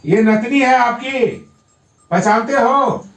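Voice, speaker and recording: A man's voice: very high-pitched, takes it slowly, a bit bright. A man working as a yoga therapist, firmly coaxing a patient at home and repeating his encouragement. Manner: firm, coaxing, repeats himself. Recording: echoey room, mic at a distance.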